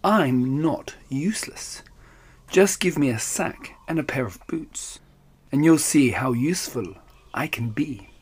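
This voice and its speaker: A cunning, bossy tomcat from a storybook, voiced by a male narrator. He purrs his words and turns courtly or commanding as he schemes. The voice is slightly husky and sits somewhat higher than the reader's own. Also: sing-song, a little slow, heavily acted. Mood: coaxing.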